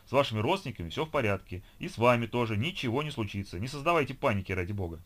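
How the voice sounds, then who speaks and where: A man reading an audiobook voices a nervous male ship steward who keeps urging calm. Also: mid-range voice, racing. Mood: soothing. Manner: reassuring with an anxious edge.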